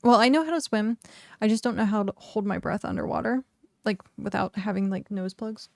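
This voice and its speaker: A woman's voice: medium pitch, a little fast, creaky, a little mellow, no room sound, clean studio sound. A young woman game streamer chatting casually and rambling, with lots of "like", while she plays. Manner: rambling, chatty, heavy use of "like". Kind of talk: casual live-stream chat while gaming.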